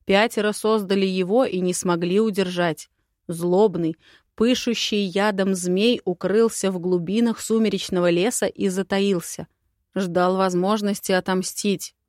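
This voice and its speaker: A woman reading an audiobook voices a grave old male court adviser telling a dark legend. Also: mid-range voice, steady tone, a little slow, dry recording, studio quality, natural voice.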